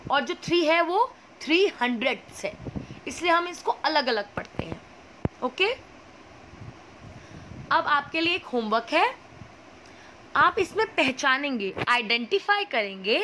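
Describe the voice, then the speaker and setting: Woman, maths teacher, high voice, slow clear explaining, faint background noise. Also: pushed and bright, poor audio. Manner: asks questions and answers them herself; slow, clear explaining with many checks like "okay?". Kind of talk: classroom lesson.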